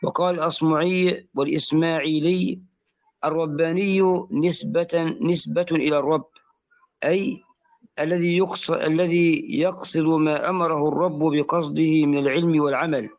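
A man's voice: on the high side, level tone, normal speed, muffled recording. Man reading a classical text aloud. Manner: careful reading that spells out vowels and letters.

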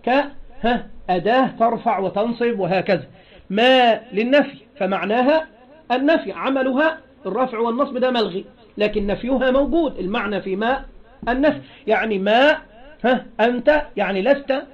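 High-voiced Egyptian teacher quizzing his class. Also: moderate pace. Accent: Egyptian Arabic. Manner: repeats phrases and prompts the class with questions. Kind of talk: classroom grammar lesson. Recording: dull lo-fi classroom recording.

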